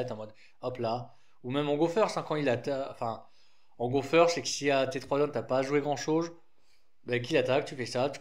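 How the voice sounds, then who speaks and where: A man with a slight lisp talks through a trading card deck at an average pitch. His delivery is loose and conversational, full of fillers and self-corrections as he explains. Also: a little mellow. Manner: rambling, frequent restarts and fillers, informal. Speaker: card game deck presenter.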